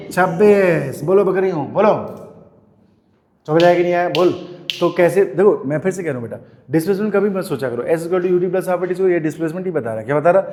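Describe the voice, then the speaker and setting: In a coaching institute classroom, a man teaching physics peppers his students with questions, has them answer together, and playfully teases them. His high-pitched voice is a little mellow and echoes as if in a large hall.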